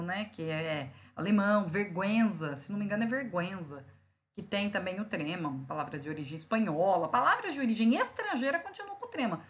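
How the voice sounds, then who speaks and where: Lady teacher walking students through spelling rules, stops a lot to check they follow, stretches out syllables. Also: mid-range voice. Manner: explains step by step, checks in often with "né?" and "tá?"; spells out syllables slowly and loudly for emphasis. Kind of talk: recorded online grammar lesson.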